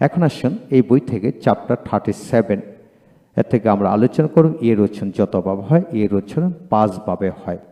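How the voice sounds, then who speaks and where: A man teaching an English pronunciation lesson. He repeats each word twice, slowly and with emphasis. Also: on the low side, expressive, mellow, long reverb tail.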